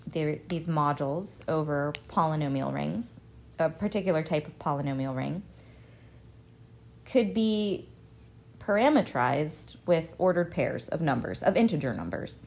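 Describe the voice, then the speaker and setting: Gravelly low-voiced woman telling a story. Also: measured pace. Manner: animated storyteller, acts out quoted exchanges. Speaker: math professor, guest. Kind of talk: casual interview chat. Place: radio studio.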